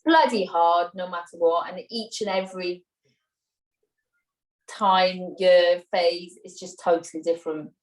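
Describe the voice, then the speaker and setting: A woman's voice: lowish voice, fairly even intonation, measured pace, a little mellow. Welsh woman, 30s, chatty and rambling, lots of fillers, echoey room, a bit far from the mic. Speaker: interview guest, mother. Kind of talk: casual conversational interview. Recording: roomy sound, voice a little off-mic.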